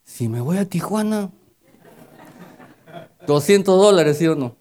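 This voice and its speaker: A male pastor delivers a sermon to his congregation in a fairly high voice. He tells personal stories and lifts his voice loudly when he drives a point home. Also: animated, a little slow. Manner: storytelling, rising loud when exhorting.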